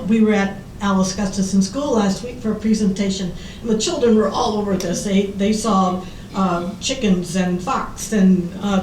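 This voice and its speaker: An American woman giving a prepared presentation to an audience as a children's author. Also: a little mellow. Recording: roomy, distant mic, faint rumbling noise.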